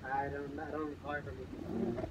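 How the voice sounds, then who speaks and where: A man's voice: mid-range voice, fairly even intonation, a little fast. A polite man taking orders as a drive-thru worker, heard over an intercom. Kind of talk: customer service exchange. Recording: distant drive-thru speaker, faint car noise. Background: car ambience.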